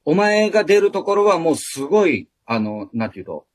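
A man's voice: fairly high pitch, sing-song, brisk, husky, dry recording. A man in his late forties from Fukuoka, speaking with a Hakata dialect and teasing an old friend in casual banter. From Fukuoka, Japan. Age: late 40s. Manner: teasing, playful, laughs often. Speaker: live house owner and co-host.

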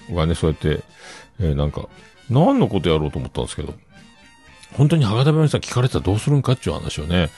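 Rambling middle-aged man with a gravelly voice. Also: deep voice. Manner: rambling, drifting into mumbled asides. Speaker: solo podcast host. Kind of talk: casual solo podcast talk.

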